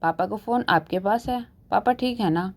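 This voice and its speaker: A woman's voice: medium pitch, moderate pace, darkish tone, natural voice. A woman doing a nervous young man. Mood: worried. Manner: nervous, worried. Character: anxious young man, worried son.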